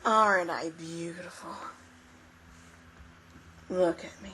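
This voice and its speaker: Vain creepy angel woman, voiced by a player; husky breathy whisper, slightly distant. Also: medium pitch, steady tone, slow, pushed and bright, heavily acted. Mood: whispery, vain.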